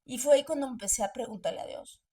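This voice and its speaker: A woman with a fairly high voice tells her life story as a missionary guest. Her delivery is earnest and narrative, and she slips into the voices of the people she remembers. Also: fast talker, mellow. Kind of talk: telling a personal testimony.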